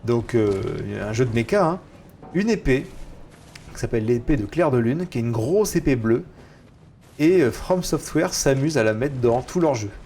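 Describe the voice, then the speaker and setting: A French man casually commenting on a video game he is streaming, chatty and excitable. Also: medium pitch, normal speed, a little hiss or hum. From France. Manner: chatty, excitable, swears at setbacks.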